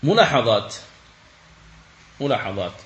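A man teaching Quran recitation rules, who explains each rule, puts rhetorical questions to the listener and slowly chants verses as examples. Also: mid-range voice, sing-song, a little hiss or hum. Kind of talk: tajweed lesson with recited examples.

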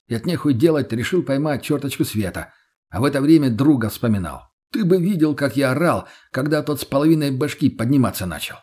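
A man's voice: mid-range voice, lively intonation, fairly quick, a little mellow, husky, pitched above the performer's own voice. A man voicing a brash, laid-back young male survivor who talks bluntly in street slang. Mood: lively.

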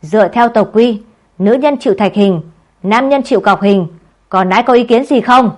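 A woman's voice: medium pitch, fairly even intonation, normal speed, a bit bright, natural voice. A woman voicing an older male clan chief who speaks in a stern, commanding tone.

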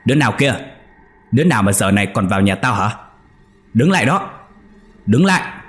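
A man voicing a tense rural husband who talks bluntly and gruffly. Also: fairly low pitch, rapid-fire, faint music behind, lightly acted. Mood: shouting. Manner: blunt, shouting when alarmed.

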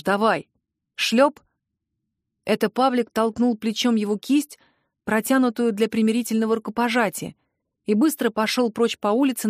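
A woman narrates a novel in first person with a fairly high voice and lively expression. The recording is close and dry, with no room sound. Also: no echo. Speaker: audiobook reader.

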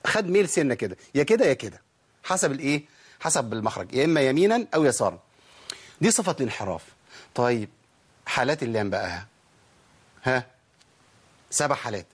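In his tajweed lesson, the Quran recitation teacher, whose accent is Egyptian Arabic, puts questions to listeners and shows how each sound is made. He has a slightly rough, mid-range voice.

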